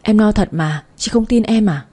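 A woman's voice: medium pitch, normal speed, dark tone, slightly rough, natural voice. A woman voicing a grieving young mother. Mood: listless. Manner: sobbing, pleading. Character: young grieving woman who lost her baby.

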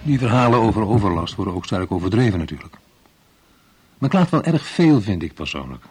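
A complacent, glib man, played by an actor in a radio play, with a low, very husky voice. His pitch moves a lot as he smooths things over with easy reassurances. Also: sing-song, a little fast, a little mellow. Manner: glib, reassuring, adding "hoor" and "heus". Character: smug man dismissing neighbours' complaints.

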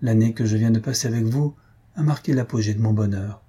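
Melancholy noblewoman from a storybook read by a man, husky and soft-toned, pleading and tired. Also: lowish voice, fairly quick. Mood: weary. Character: weary melancholy noblewoman longing for convent.

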